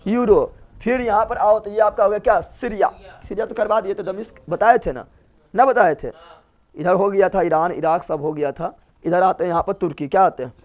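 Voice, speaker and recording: A middle-aged man teaching a general-knowledge revision class, asking questions and chanting the answers over and over. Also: high-pitched. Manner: asks and repeats answers in chants. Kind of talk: call-and-response revision lesson.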